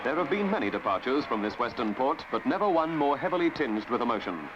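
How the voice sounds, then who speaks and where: A man giving crisp, declamatory 1950s newsreel commentary with dramatic emphasis, as an old newsreel narration. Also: mid-range voice, sing-song, quick pace. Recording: dull lo-fi 1950s newsreel soundtrack with music.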